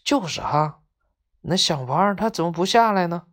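Woman doing an excitable little kitten boy. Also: lowish voice, normal speed, pitched above the performer's own voice, close to an everyday voice. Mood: pouty. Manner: eager, loud exclamations.

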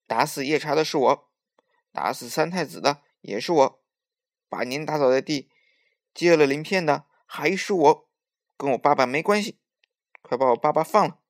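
A man's voice: mid-range voice, normal speed, creaky, natural voice. A man voicing a bold, hot-tempered young boy hero in a children's story, talking in a defiant, brash way.

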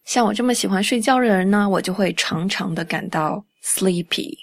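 A woman's voice: mid-range voice, no room sound, clean studio sound. Chatty young woman teaching English. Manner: explains chattily, repeats English phrases slowly and clearly. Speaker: English teacher and podcast host. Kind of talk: casual podcast English lesson in Chinese.

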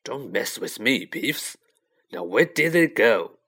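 A man voicing a gruff, impatient school caretaker in a storybook, demanding and irritable. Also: medium pitch, sing-song, slow pace, sharp tone, full character voice.

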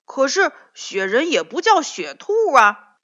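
A stubborn young frog boy from a storybook, as a woman puts him on, loud and high with a bright, lively voice. The recording sounds dull and lo-fi. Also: slow, exaggerated voice.

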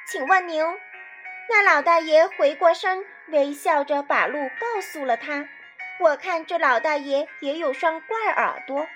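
A woman narrating a children's story in a lively, expressive reading. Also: high voice.

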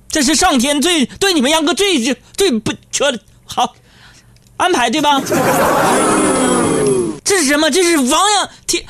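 A man hosting a live comedic radio show, chatting and teasing his listeners. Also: mid-range voice.

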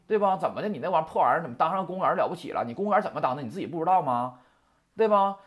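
Male language teacher, fast and animated, chatty and heated. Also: a little high. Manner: chatty, heated, rhetorical questions. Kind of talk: casual lecture with rants.

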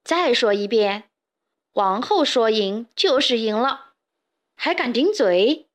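Bossy vain hen queen in a kids story, lady reading it, snooty and quick to anger. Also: a little high, animated. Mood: angry. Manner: haughty, commanding, fussy.

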